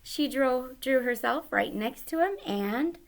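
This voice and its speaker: Slow, lively woman reading to toddlers. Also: high voice, gravelly. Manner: gentle, animated, drops to soft whispered asides. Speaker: children's librarian storytime host. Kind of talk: reading a picture book aloud to young children.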